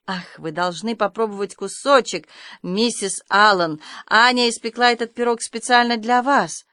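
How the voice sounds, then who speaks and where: A woman voicing a stern but fair older spinster in an audiobook reading, brisk and scolding. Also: on the high side, bright, forceful tone, no echo, clean studio sound. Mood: coaxing.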